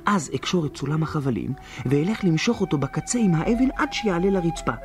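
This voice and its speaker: A man's voice: on the high side, expressive, darkish tone, soft background music, lightly acted. An actor narrating in the first person as a resourceful boy hiding alone in ruins, in a reflective radio drama monologue that plans step by step. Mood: brooding, planning. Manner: reflective inner monologue, planning aloud.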